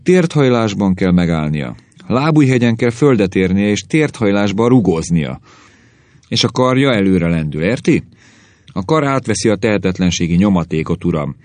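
A man's voice: fairly low pitch, lively intonation, a little mellow, no room sound, close to an everyday voice. A man voicing a stern, pedantic professor of physical education who lectures and corrects. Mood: lecturing.

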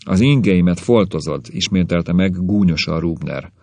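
A man's voice: sits low, lively intonation, vocal fry, darkish tone, dry recording. A man reading a scornful, bitter husband. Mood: sneering. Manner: sneering, lecturing, contemptuous. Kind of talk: audiobook reading.

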